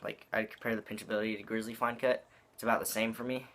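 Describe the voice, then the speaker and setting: Young male reviewer, low register, slangy and meandering, speaking around a wad of chewing tobacco. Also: level tone, fast, fairly bright tone. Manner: rambling, slangy and profane. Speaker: product reviewer. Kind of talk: casual review talk.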